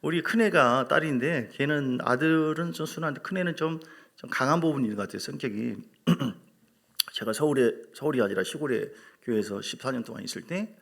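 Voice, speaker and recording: With a somewhat high, creaky voice, a middle-aged pastor preaches to his congregation. He tells stories emphatically, acts out what people said, and keeps asking the listeners questions.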